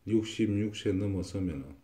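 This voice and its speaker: In this fortune-telling consultation, a man with a lowish, dark-toned voice speaks at a normal speed. He states his predictions confidently and keeps repeating himself, in the manner of a fortune teller.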